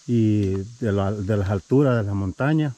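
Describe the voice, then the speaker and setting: Chatting to "mi gente" as he hikes a wooded trail with his family, this vlogger in his thirties sounds slightly out of breath from walking and climbing. He films with an action camera at arm's length, speaking in a fairly low, warm voice at a moderate pace.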